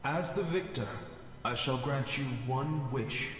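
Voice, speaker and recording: Speaking slowly in a mid-range, fairly bright voice, a man plays an otherworldly harbinger of judgment for a video game. His scripted lines are solemn, formal and grandiose, and they echo with hall-like reverb.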